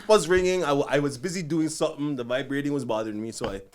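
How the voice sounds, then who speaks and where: A man's voice: on the high side, fast, a little hiss or hum. A man with a Toronto slang accent, chatting casually and playfully in heavy slang. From Toronto, Canada. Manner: playful, animated banter.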